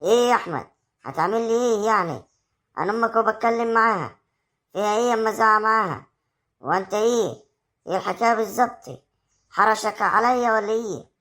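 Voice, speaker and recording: A woman's voice: fast talker, pauses often, fairly bright tone, close to an everyday voice. A woman with an Egyptian accent acting a domineering village mother who scolds her son's wife in an amateur family drama. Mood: scolding. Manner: scolding, shrill and confrontational. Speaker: actor in amateur web drama.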